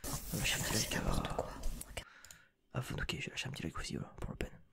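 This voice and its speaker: A man giving whispered ASMR reaction commentary as a content creator and streamer, rambling with slangy, joking asides, close to a sensitive microphone. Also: fast.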